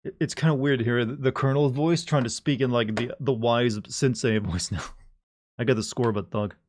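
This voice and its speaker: A man's voice: mid-range voice, a little fast, slight background noise. A man giving casual gameplay commentary as a streamer, rambling along in a wry way. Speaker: game streamer.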